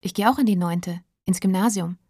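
A woman's voice: fairly low pitch, a little fast, a little mellow, dry recording, clean studio sound. A woman voicing a shy teenage girl. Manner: bashful, touchy. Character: shy, self-conscious fifteen-year-old girl.

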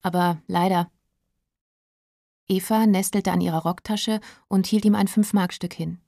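A woman narrating a story aloud in a calm, even audiobook reading. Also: medium pitch, moderate pace, vocal fry, no room sound, studio quality.

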